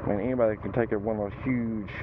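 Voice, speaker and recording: A man's voice: lowish voice, steady tone, rapid-fire. A man chatting casually and rambling in a folksy, colloquial way as he gives riding advice aboard his motorcycle. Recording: tinny helmet intercom, loud vehicle noise. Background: loud engine and road noise.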